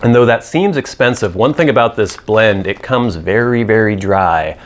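A pipe tobacco reviewer, a man in his thirties, speaks at a moderate pace in a voice on the low side. Talking to camera, he gives an informal, matter-of-fact product review and explains details along the way. The setting is a small indoor room with a cloth backdrop, recorded on a lapel mic.

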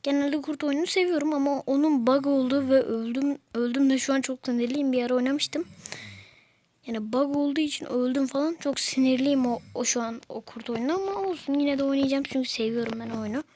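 High-voiced woman, exasperated gamer. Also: quick pace, dark tone. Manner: exasperated, complaining at the game. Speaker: gameplay video maker. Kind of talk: casual gameplay commentary.

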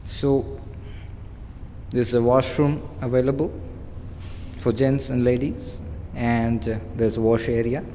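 A male real estate agent tours a large, empty indoor warehouse, pointing out its features plainly and repetitively. His voice is mid-range, dark, and fairly even, and he takes his time, recorded roughly with slight background noise on a phone held by whoever is filming.

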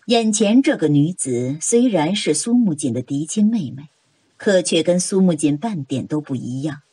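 A woman narrating a novel audiobook in an expressive, dramatic storytelling manner. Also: sits low, normal speed, slightly rough, dry recording.

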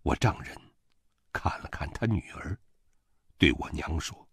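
A man reading a novel aloud as a first-person narrator, slow and expressive. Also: extremely low pitch, slightly rough, no room sound, studio quality. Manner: slow, expressive, wide-ranging storytelling. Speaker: audiobook reader.

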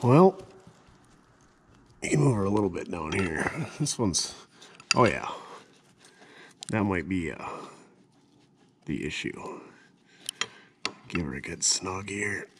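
Male mechanic host, low voice, lively swings, self-mocking asides, head-cam in a garage. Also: slow pace, long pauses, background noise. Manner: joking, self-mocking, muttering to himself while working. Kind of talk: casual first-person workshop narration.

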